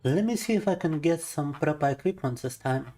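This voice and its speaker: A man's voice: a little high, expressive, fairly quick, mellow, faint music behind. Chatty male gaming streamer, native Russian speaker. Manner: chatty, laughs often, explains to viewers as he plays. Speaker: livestreamer. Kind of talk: casual gaming livestream commentary.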